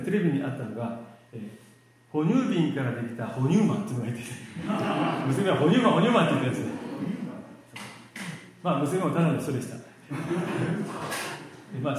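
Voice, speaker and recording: A man giving a church sermon in a relaxed, self-deprecating, joking way, with many fillers and pauses. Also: medium pitch, noisy background. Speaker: lay preacher. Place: church hall. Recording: very echoey hall.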